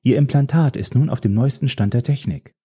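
Prim old-fashioned female assistant, polite and formal, raised voice over a dark timbre, voiced by a man. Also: medium pitch, a little fast, slightly rough, voice pushed up. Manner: polite, formal, slightly fussy.

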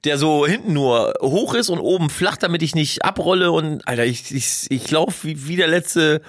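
A man, co-hosting a casual podcast, telling a story in a lively, crude way with swearing and laughter. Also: fairly high pitch, normal speed, dry recording, studio quality. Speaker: podcast co-host.

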